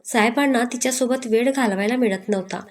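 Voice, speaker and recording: An expressive woman storyteller with a fairly high voice narrates a romance. Her delivery is dramatic and lively. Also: brisk.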